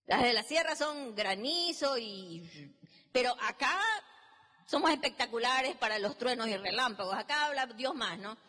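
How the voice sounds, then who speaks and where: High bright-voiced woman preaching in a hall. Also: lively intonation, unhurried. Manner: emphatic, dramatic, acts out biblical dialogue. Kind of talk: sermon. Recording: long reverb in a large hall.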